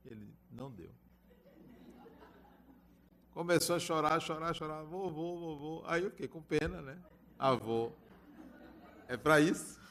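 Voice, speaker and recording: A man's voice: a little high, animated, a little slow, pauses often, fairly bright tone, a little hiss or hum. Older man telling a family story. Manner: storytelling, acts out family dialogue. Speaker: speaker giving a spiritual talk. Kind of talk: spiritual talk with anecdotes.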